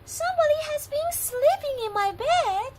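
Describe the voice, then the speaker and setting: A woman doing squeaky little baby bear. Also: lively intonation, normal speed, heavy background noise. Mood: squeaky, upset. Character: baby bear, small young male cub.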